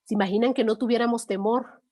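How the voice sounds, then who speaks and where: A woman's voice: a little high, fairly even intonation, quick pace, warm tone. A middle-aged woman, an instructor explaining a topic through everyday examples in a patient, conversational way, often checking in with listeners. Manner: patient, conversational, frequent 'eh' and '¿no?'. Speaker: course instructor.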